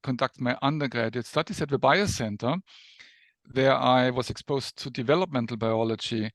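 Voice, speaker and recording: A mature German man with a German accent, a guest professor researching neuroscience, explains things in an interview. His mid-range voice moves at a moderate pace with no echo.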